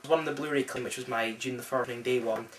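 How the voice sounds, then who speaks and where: A man's voice: mid-range voice, steady tone, very fast, background noise. Young scottish guy gushing about a film, stumbles and restarts a lot, echoey room, mic kinda far off. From Scotland. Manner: enthusiastic, rambling with many restarts and fillers. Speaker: film reviewer. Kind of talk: casual film review chat. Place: friend's flat, indoors. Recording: roomy, mic at a distance.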